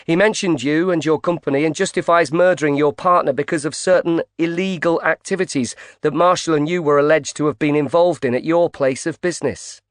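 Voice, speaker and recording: A man voicing a sharp, pushy woman tabloid reporter in an audiobook reading. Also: on the high side, measured pace, dry recording, clean studio sound, pitched above the performer's own voice, close to an everyday voice. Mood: pressing.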